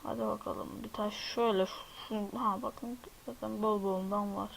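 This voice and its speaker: A man's voice: high voice, steady tone, moderate pace, gravelly, very noisy. Jumpy young-sounding gaming host, man. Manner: chatty, jumpy, exclaims at surprises and addresses viewers. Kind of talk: casual let's-play commentary.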